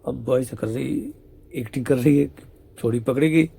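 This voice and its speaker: A man's voice: mid-range voice, normal speed, creaky, mellow, husky. A man conversationally retelling a devotional story as a spiritual storyteller.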